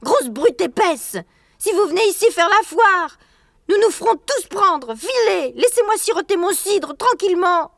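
A man's voice: extremely high pitch, animated, measured pace, gravelly, fairly bright tone, no echo, studio quality, voice pushed up, heavily acted. A man voicing a greedy, territorial rat who screeches and snaps insults in a storybook reading. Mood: shrill, furious. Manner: shrieking, snapping insults.

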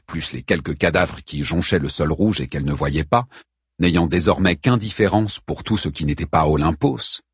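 A man reading an audiobook in a measured, dramatic narration. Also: on the low side, breathy edge, no echo, clean studio sound.

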